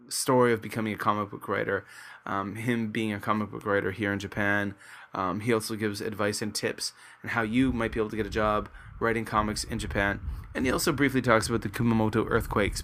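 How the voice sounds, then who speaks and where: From a small home studio room with a floor fan, a Canadian podcast host from Nova Scotia chats upbeat and casually, leaning on many fillers. His voice is lowish yet pushed and bright.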